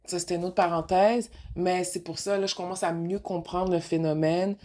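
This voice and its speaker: A woman radio host from Quebec talks at normal speed in a lowish, dark voice with a steady tone. Her Québécois French accent colors a casual, frank, rambling monologue in which she switches to English mid-sentence and asks rhetorical questions.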